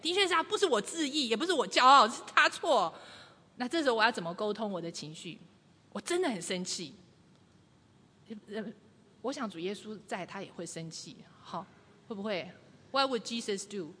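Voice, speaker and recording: A woman giving a lively church teaching, acting out quoted lines with humor. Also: medium pitch, normal speed, slight background noise. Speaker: church speaker. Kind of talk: sermon teaching to a congregation. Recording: long reverb of a large hall.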